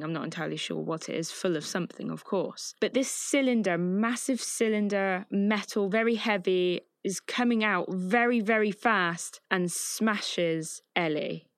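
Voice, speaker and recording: A woman's voice: medium pitch, clean tone, no room sound, studio quality. A woman recapping a film's plot in a chatty, emotive way, often saying "like". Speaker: film reviewer. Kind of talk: casual film plot recap.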